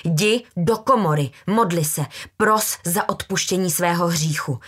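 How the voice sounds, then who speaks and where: A woman's voice: lowish voice, slightly rough. Woman voicing a fanatical praying mother. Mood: commanding. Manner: loud declaiming prayer. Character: fanatical religious mother, harsh and domineering.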